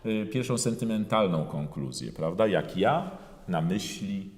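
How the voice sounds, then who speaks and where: A man giving a singing lesson, talking through phrases slowly with many pauses and fillers, and singing parts of them out in full voice. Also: low-pitched, animated, darkish tone. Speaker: voice teacher. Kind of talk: singing lesson with sung demonstrations. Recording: roomy hall with long reverb.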